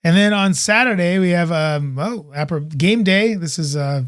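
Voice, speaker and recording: A man hosting a laid-back podcast, with a voice pitched slightly higher than most men's. He talks in an upbeat, rambling way, often wandering off into little asides. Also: normal speed, a bit bright, dry recording, clean studio sound. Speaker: podcast host. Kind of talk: casual chat.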